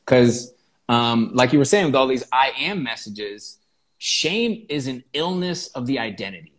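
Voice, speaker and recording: A man's voice: mid-range voice, animated, unhurried, fairly bright tone. Explaining man guest, often asks "right?". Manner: explanatory, says "right?" often, casual swearing. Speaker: podcast guest. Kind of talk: casual conversation.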